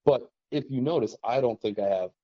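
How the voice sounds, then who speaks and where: This mid-range male voice moves fairly quickly as a western Massachusetts podcast host chats about trapping. He's relaxed and rambling, leaning on "like" and "you know," and the dull recording has no echo.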